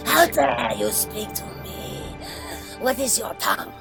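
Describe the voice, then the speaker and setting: A man voicing a vengeful female forest ghost, slow and contemptuous. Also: very high-pitched, gravelly, over music, voice pushed up, exaggerated voice. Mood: scornful.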